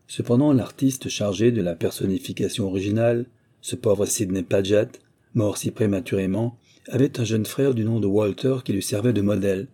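Low dark-voiced guy reading a book aloud, measured, bit husky. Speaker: narrator. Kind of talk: audiobook reading.

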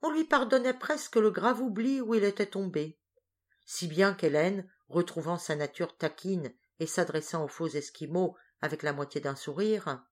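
A woman narrating a novel aloud in an expressive, lively storytelling manner. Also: lowish voice, moderate pace.

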